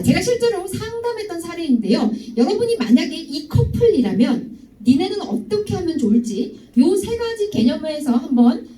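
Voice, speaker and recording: Lively woman preaching in an echoey hall. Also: sits high, distant mic, slight background noise. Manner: lively, teasing, asks students directly. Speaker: youth ministry speaker. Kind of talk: youth sermon with stories. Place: church hall.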